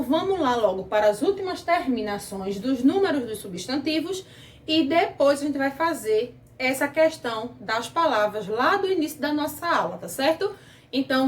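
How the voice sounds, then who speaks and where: A woman's voice: sits high, reverberant, far from the mic. A woman teaching a grammar lesson to children, patient and questioning, stretching out key words, with a Brazilian Portuguese accent. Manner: patient, asks the class questions, drags out words.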